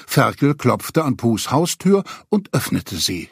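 A man reading a children's story aloud, expressive storyteller. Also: mid-range voice, slow, creaky, slightly rough, no echo, clean studio sound. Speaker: narrator.

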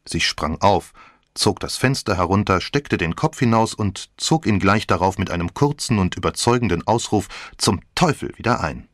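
A man reading a novel aloud as first-person narrator, in a measured, expressive storytelling manner. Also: sits low, dry recording, studio quality. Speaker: audiobook narrator.

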